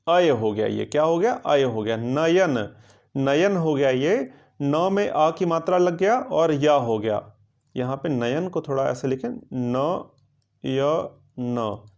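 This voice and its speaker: A man teaching a grammar lesson for exam coaching. He asks his students questions, answers them himself, and repeats words slowly to drill them. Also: medium pitch, expressive, a little mellow.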